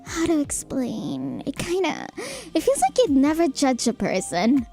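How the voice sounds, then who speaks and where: A woman voicing a blunt, teasing, weary young woman who flares up in loud outbursts. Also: high-pitched, huge pitch swings, unhurried, soft background music, pitched above the performer's own voice, heavily acted. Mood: wistful.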